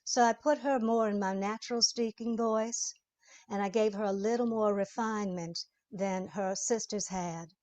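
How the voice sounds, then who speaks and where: A woman's voice: mid-range voice, steady tone, normal speed, darkish tone. A woman voice actor talking through her work in an interview, chatty and explanatory, laughing easily. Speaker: voice actor guest. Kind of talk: interview conversation.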